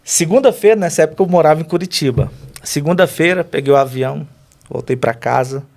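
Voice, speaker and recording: A man's voice: fairly high pitch, brisk, vocal fry, a little mellow. A man, a pastor, giving an earnest and emotional personal testimony in a conversational interview. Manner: earnest, emotional, speaks directly to host. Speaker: pastor, guest.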